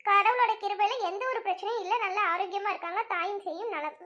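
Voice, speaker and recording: Woman doing a high calm cartoon doctor. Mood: reassuring. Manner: measured, explaining. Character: calm reassuring female hospital doctor.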